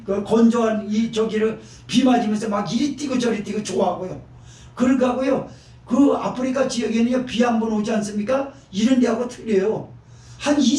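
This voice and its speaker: A male pastor delivering a sermon in a high, ringing voice that swings from quiet asides to sudden shouts. He keeps checking in with the listeners between phrases. The sound is roomy and heard from some distance, as in a church hall. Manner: emphatic preaching with sudden shouted rises and frequent "어?" asides.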